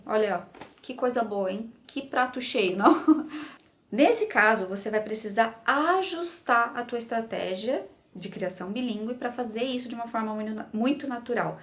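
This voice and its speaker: Brazilian mom-coach, 30s, upbeat and chatty to camera, voice sits a bit high. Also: female voice, normal speed. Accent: Brazilian Portuguese. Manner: chatty, animated, addresses viewer directly. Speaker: bilingual parenting coach. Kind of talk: casual explainer to camera.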